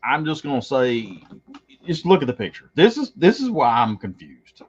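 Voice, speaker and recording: Animated man on a dull line. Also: mid-range voice, normal speed, slightly rough. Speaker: podcast co-host. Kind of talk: casual chat.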